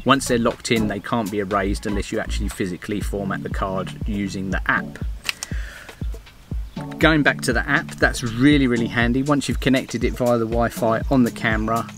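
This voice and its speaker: A man's voice: lowish voice, moderate pace, over music. A middle-aged man talking casually through a product review, rambling a little and restarting his sentences. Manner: rambling, restarts often, plain and friendly. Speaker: vlogger reviewing a dash cam.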